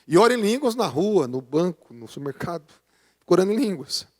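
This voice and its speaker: A man's voice: sits high, big pitch swings, fairly quick. A male pastor, preaching an earnest, emphatic sermon. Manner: earnest, emphatic preaching with rising and falling delivery. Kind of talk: sermon teaching. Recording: reverberant hall.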